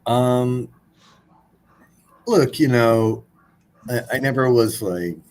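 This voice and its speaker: A man's voice: mid-range voice, slow pace, darkish tone, poor audio. A man in his forties, a podcast guest, telling a personal story in a blunt, casual way, swearing freely.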